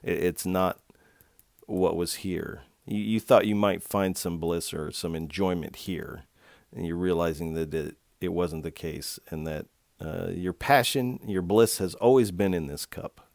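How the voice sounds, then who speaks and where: A man with a very low voice gives a tarot card reading. He speaks gently and reflectively, addressing the listener directly. The sound is dry and close, with no room echo. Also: unhurried, gravelly. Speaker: tarot reader.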